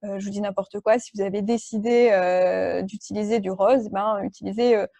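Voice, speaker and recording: A woman presenting an online training session, walking her audience through each point with a patient, explanatory manner. Her voice is warm and mellow, of middle pitch, and the recording is dry and close with no room echo. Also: fairly even intonation, normal speed, creaky. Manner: explanatory, many fillers and restarts. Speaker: workshop trainer.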